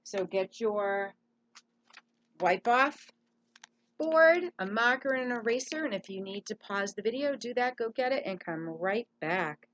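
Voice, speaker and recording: A woman teaching young children to read sentences and write letters, speaking clearly and encouragingly, drawing out her words. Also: medium pitch, lively intonation, unhurried, fairly bright tone, muffled recording. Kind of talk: early reading and handwriting lesson for young children.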